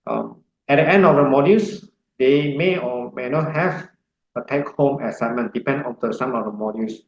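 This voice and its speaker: Male course instructor, halting delivery, faint hiss in an echoey room. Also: mid-range voice, lo-fi sound. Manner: halting, many fillers. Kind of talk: online orientation session.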